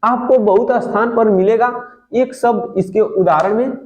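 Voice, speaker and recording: A man's voice: sits high, measured pace, darkish tone. A man teaching a grammar lesson for exam students, asking questions and answering them himself, and stretching vowels to demonstrate them. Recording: dull lo-fi audio in an echoey room.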